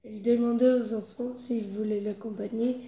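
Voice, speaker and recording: A woman's voice: on the high side, fairly even intonation, moderate pace, highs cut off. A woman reading a children's story aloud, telling it expressively and rising with its tension. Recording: roomy echo, faint noise.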